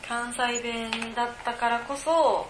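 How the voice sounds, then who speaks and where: A woman's voice: fairly high pitch, steady tone, a little slow, reverberant, background noise. A woman hosting a casual podcast alone, reading listener mail and rambling with frequent giggles as she thinks aloud. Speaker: podcast co-host. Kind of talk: casual solo podcast chat.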